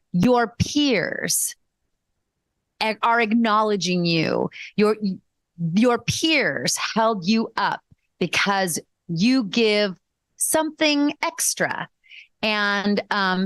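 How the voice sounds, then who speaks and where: Slow, measured woman district official. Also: medium pitch, a bit bright, dry recording. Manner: grateful, measured. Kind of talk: speech at a board meeting.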